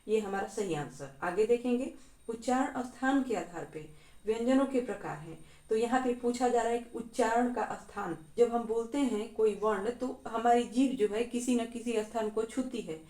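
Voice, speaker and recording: A woman's voice: mid-range voice, darkish tone, echoey room. A woman from Bihar, India, teaching an exam-prep lesson patiently and step by step, often checking in with the class. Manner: patient, step by step, often says "theek hai".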